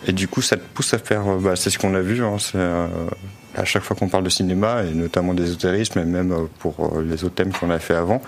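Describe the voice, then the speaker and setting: A man with a deep, low voice talks through his thoughts on cinema in a casual podcast chat. His sentences ramble and wander as he works out what he means, over a faint hiss. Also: fairly even intonation, fairly quick. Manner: rambling, thinks aloud. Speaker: podcast co-host. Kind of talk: casual film discussion.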